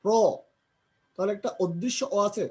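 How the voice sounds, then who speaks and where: A man with a high-sitting, slightly rough voice leads a grammar lesson. He goes slowly, drilling pronunciation, repeating example words and supplying answers to his own questions.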